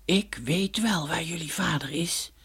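A man voicing a mysterious little cloud man in a storybook, speaking quietly in a breathy half-whisper. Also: a little high, measured pace, pitched above the performer's own voice, exaggerated voice. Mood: secretive.

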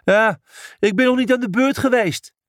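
Guy putting on a squeaky stammery dumb young pig, eager show-off, storybook voice. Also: animated, measured pace, a bit bright, dry recording, studio quality, heavily acted. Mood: eager, boastful. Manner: stammers and hesitates. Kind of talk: audiobook character voice.

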